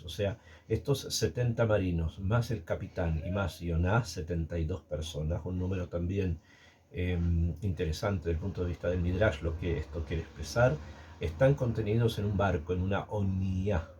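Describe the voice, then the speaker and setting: A man giving a spoken Torah lesson, pausing often with fillers and restarting his sentences. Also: low voice, a little mellow, slight background noise. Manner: hesitant, many fillers and restarts. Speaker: Torah teacher.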